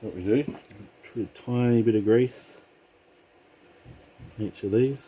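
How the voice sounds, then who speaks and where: A man's voice: medium pitch, normal speed, dark tone, highs cut off, slight background noise. A man with an Australian accent giving casual hands-on workshop commentary like a laid-back tradesman, muttering to himself as he works. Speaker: vlogger doing a DIY hardware modification. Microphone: handheld camera.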